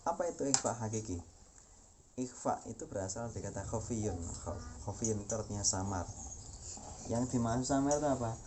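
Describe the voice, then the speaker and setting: A man's voice: lowish voice, animated, fairly quick, background noise. A man teaching a Quran recitation lesson, explaining patiently and chanting examples several times. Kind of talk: tajwid lesson.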